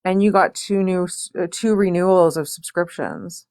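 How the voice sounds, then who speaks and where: A woman with a Toronto accent co-hosting a livestream, chatty and animated, with over-enunciated vowels. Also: on the low side, moderate pace, no echo. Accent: Toronto Canadian. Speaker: livestream co-host. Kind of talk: casual livestream chat.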